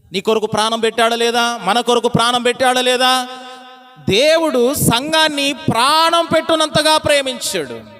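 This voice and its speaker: A man preaching a sermon as pastor. He repeats phrases in a steady rhythm and calls on the congregation to answer him aloud. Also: very high-pitched.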